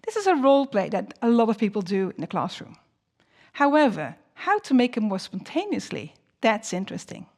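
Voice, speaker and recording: A woman's voice: mid-range voice, very animated, brisk, a little mellow. A woman who is a non-native English speaker presents teaching tips as a teacher, in an encouraging manner with frequent rhetorical questions. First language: not English.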